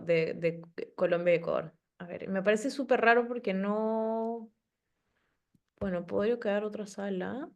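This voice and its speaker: A woman on a video call, coordinating an online class. She talks briskly and practically, sorting students into groups and fixing problems on the fly. Her pitch sits in the middle range. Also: a little mellow. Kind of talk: organizing breakout groups in a virtual class.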